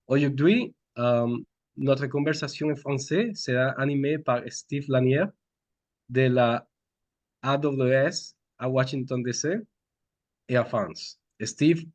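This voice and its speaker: A man hosting an online meetup, opening it with a formal, measured welcome. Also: mid-range voice, a little mellow, no echo. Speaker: host introducing a speaker.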